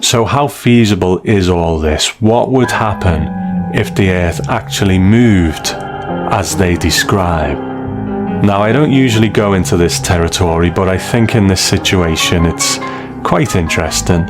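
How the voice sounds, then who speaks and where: A man with a low-pitched voice and measured pace hosts a reflective, opinionated commentary reviewing a classic TV episode. His style is conversational, and faint music plays in the background.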